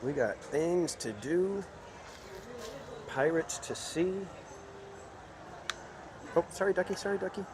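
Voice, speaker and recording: A man hosting a casual walking livestream in a theme park, chatting with viewers in a relaxed, rambling way. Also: on the high side, slow, pauses often. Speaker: livestream host. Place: outdoors in a busy theme park. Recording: loud outdoor park noise.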